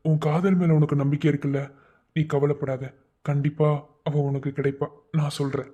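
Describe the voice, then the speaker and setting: A man's voice: a little high, level tone, brisk, background noise, close to an everyday voice. A man voicing a blunt young man in a cartoon who lectures his lovesick friend, in a Madurai Tamil accent. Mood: reassuring. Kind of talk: animated cartoon voice acting.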